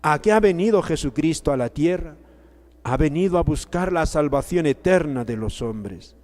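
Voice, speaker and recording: A male priest giving a sermon, preaching slowly and emphatically, repeating key words with pauses between phrases. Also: fairly high pitch, lively intonation, a little mellow. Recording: long hall reverb.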